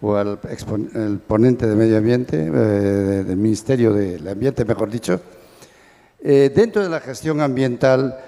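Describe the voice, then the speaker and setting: A man's voice: lowish voice, measured pace, mellow. A man in a conference audience asking a question, searching for words with many fillers. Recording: long hall reverb.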